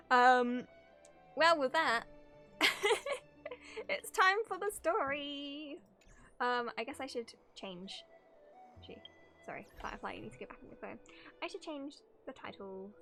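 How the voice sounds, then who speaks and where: Her voice sits high, with a bright, forceful tone, as she streams with game music playing behind her. She giggles and plays around, gets sidetracked easily, and reads out the story while reacting and chatting.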